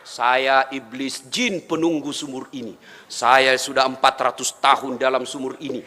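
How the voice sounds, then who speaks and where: A man's voice: steady tone, bright, forceful tone. Man doing a weary ancient jinn from a well. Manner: slow and low. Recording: echoey hall, faint background noise.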